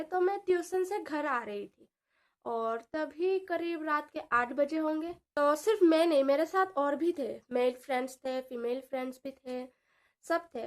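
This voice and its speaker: A woman in her twenties telling a personal story in an animated, dramatic way, mixing in English words and slang. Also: sits high. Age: 20s. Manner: animated, dramatic retelling with frequent asides. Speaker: vlogger. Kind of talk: casual storytelling vlog.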